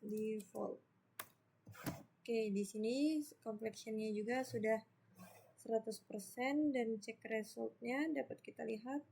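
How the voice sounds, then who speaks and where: A young woman with an Indonesian accent, a student, narrates a screen-recorded walkthrough of her network lab, spelling out commands letter by letter as she types. She speaks slowly in a fairly even, high-leaning voice that is creaky, dark, and slightly rough, over faint background noise.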